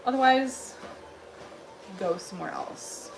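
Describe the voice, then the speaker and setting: A woman's voice: a little high, lively intonation, takes it slowly, creaky, a little hiss or hum, poor audio. Blunt woman streaming from a treadmill. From Illinois. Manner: blunt, dry and dismissive toward chat. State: walking on a treadmill. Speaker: livestream host reading chat. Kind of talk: casual livestream chat.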